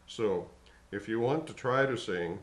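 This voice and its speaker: A man giving a spoken vocal lesson in a slow, measured, instructive way. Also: on the low side. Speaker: voice teacher. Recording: echoey room.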